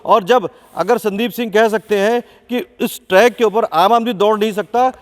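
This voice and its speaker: A man's voice: high-pitched, moderate pace. A man reporting live from inside a large indoor sports hall, questioning and accusing as he speaks. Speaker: field reporter. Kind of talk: on-the-spot news report. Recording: long echo of a big hall.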